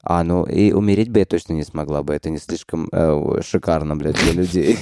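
Dark, low-voiced man, blunt and sweary. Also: normal speed, no room sound. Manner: blunt, heavily profane, loose fragmented phrasing. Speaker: drag queen podcaster. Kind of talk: casual chat.

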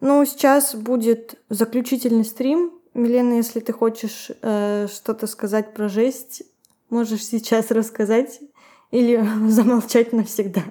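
A woman's voice: fairly high pitch, little pitch movement, a little slow, mellow. A woman co-hosting a podcast, retelling events and commenting with laughs. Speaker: podcast co-host. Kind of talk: podcast storytelling.

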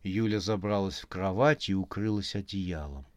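A man narrating an audiobook in an even, measured storytelling manner. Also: deep voice, no room sound.

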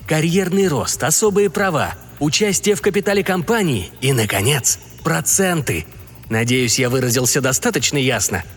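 A man's voice: on the high side, expressive, normal speed, lightly acted. A man doing a coaxing, scheming filmmaker. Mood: persuasive. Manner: coaxing, theatrical, commanding. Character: smooth-talking scheming young male filmmaker. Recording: long reverb, faint music behind.

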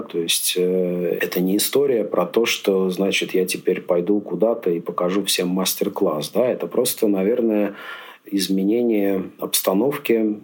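A man's voice: low voice, husky. A man in his forties, a podcast guest talking through his racing life in a reflective, rambling way with many fillers. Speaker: podcast guest, amateur triathlete. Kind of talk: casual interview chat.

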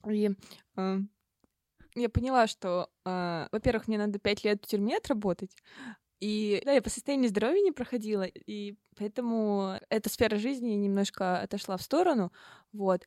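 A talkative young woman in her early twenties hosts a podcast, telling stories freely and padding them with fillers. Her voice sits at a middle pitch. The close mic gives a dry sound with no room. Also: normal speed, dark tone, no room sound. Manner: chatty storyteller, many fillers. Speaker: podcast co-host. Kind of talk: casual chat.

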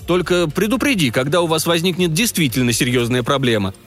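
A man's voice: on the high side, lively intonation, brisk, fairly bright tone, soft background music, pitched above the performer's own voice. A man doing a dry, mocking everyman. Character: ordinary mocking middle-aged American man.

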